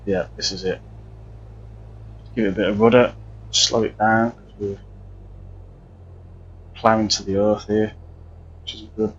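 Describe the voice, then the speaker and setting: A man's voice: on the low side, level tone, a little slow, long pauses, muffled recording, a little hiss or hum. A man chatting casually and rambling through live flight sim commentary, often restarting his sentences. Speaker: streamer.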